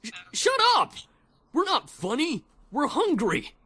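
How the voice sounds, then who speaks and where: A woman's voice: a little high, huge pitch swings, normal speed, no room sound. A woman voicing a grumpy young man who snaps back defensively. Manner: brash, defensive. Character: grumpy hungry young man, quick to snap.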